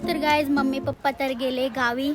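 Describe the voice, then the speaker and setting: A high-pitched young woman from Maharashtra, India, hosting a casual village vlog. She is chatty and familiar with her viewers. She cheers on and scolds her animals as she goes. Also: little pitch movement, moderate pace, loud music behind the voice. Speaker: vlogger.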